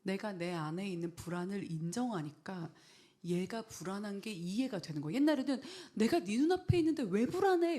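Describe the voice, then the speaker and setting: A middle-aged woman pastor sharing a personal testimony in an earnest, storytelling way, dropping into soft whispers when she quotes her prayers. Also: mid-range voice. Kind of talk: testimony sermon.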